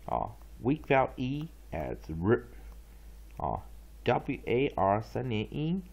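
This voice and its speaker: A man teaching English pronunciation, spelling out letters and repeating words to drill them, often ending phrases with a soft "ha". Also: mid-range voice, big pitch swings, slow, creaky. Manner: tags phrases with a soft "ha" particle. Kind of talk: pronunciation lesson.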